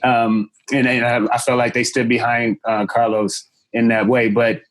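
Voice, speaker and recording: A man's voice: mid-range voice, level tone, normal speed. A man who is a comedian guest, chatting casually on a podcast with many fillers and restarts.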